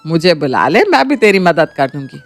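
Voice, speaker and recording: Female VO: caring middle-aged mother-in-law, gentle, affectionately scolding, cartoon. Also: deep voice, very animated, normal speed, no room sound, faint music behind. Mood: coaxing. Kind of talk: cartoon voice acting.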